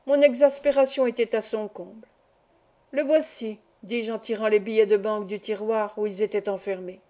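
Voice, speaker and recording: Calm woman reading an audiobook. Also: medium pitch, fairly quick. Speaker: audiobook reader. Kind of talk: audiobook narration.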